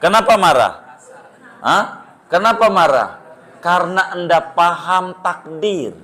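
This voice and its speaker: A man's voice: sits high, slow. A middle-aged man preaching to a congregation, firing rhetorical questions at his listeners and joking as he teaches. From Indonesia. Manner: animated, rhetorical questions to the audience, jokes. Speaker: Islamic preacher. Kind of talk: sermon to a live congregation.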